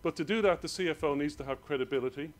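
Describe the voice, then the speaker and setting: A man with an Irish accent, giving a hurried conference presentation in a hall. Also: on the high side. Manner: rushed, hurried delivery. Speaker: conference speaker.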